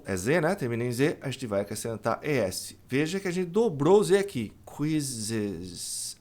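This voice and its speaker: A man teaching English pronunciation in Portuguese, explaining patiently and modeling words slowly. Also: mid-range voice. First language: Brazilian Portuguese. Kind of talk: online English pronunciation lesson.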